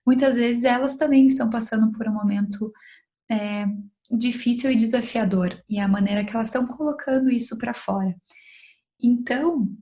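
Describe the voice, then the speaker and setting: Gentle Brazilian woman psychologist, high voice. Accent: Brazilian Portuguese. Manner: gentle, advising, frequent tag questions. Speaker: child psychologist giving a lecture. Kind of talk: online lecture to mothers.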